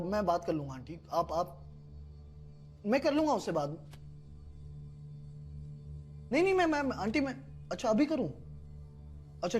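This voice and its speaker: A young male student fretting and stammering, then gently consoling a friend. His voice sits high and swings widely. It is a scripted drama scene. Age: young adult. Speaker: student preparing for entrance exams. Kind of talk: scripted series acting.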